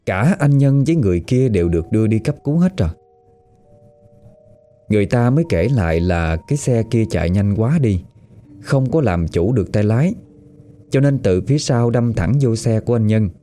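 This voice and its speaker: A man with a Southern Vietnamese accent telling a story in a lively, conversational way. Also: fairly low pitch, normal speed. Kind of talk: spoken storytelling.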